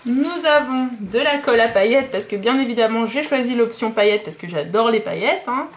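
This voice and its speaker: A fairly high-voiced woman from France talks through a craft box in a relaxed, chatty vlog, full of little fillers. Faint background noise and clicks sit under her voice. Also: moderate pace. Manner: chatty, hesitant with many fillers, says "hop" often. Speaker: DIY vlogger. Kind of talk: casual unboxing vlog.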